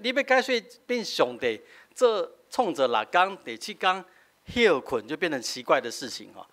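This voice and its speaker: Middle-aged Taiwanese-accented pastor, teaching sermon, slightly high and very animated delivery, habitual "hah" tags. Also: male voice. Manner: explanatory, frequent filler "hah" tags, switching between Taiwanese and Mandarin.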